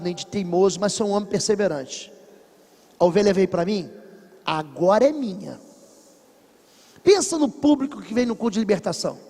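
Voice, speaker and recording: A man with a Brazilian Portuguese accent preaching a sermon as pastor, telling stories with emphasis, dropping low and then rising loud. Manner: emphatic storytelling preacher, swinging between hushed and loud. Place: church. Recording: long church reverb.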